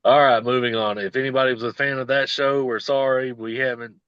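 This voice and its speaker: Bright-voiced southern man, laughing a lot. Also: medium pitch, fairly even intonation, a little fast, clean tone, no echo, dull audio. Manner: laughs often, stumbles over names. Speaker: podcast co-host. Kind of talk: casual chat.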